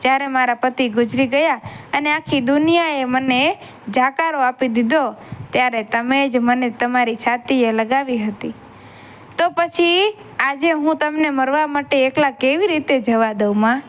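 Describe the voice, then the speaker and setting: A woman's voice: high-pitched, measured pace. A woman voicing a grieving young widow who pleads tearfully with her mother-in-law. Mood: pleading grief.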